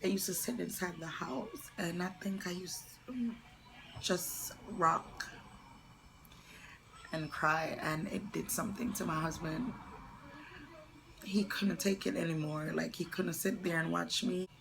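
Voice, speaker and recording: A young woman talks slowly to her vlog camera, her lowish voice gravelly with fry. She is soft and halting, often dropping to a whisper, earnest and close to tears. A steady hiss of background noise runs under the recording. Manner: tearful and earnest. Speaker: vlogger. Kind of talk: personal story vlog.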